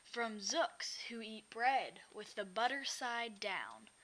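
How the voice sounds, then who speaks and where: A woman's voice: on the high side, sing-song, slow, fairly bright tone, heavily acted. A woman reading the lines of a proud, stubborn old grandfather soldier in an emphatic storybook read-aloud. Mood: earnest.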